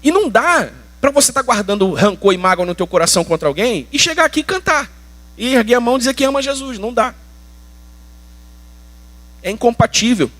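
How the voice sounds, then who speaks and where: Brazilian pastor guy, high voice, preaching casual and punchy, slangy. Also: expressive, brisk, long pauses, fairly bright tone. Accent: Brazilian Portuguese. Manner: colloquial, emphatic preaching with slangy asides. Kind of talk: sermon.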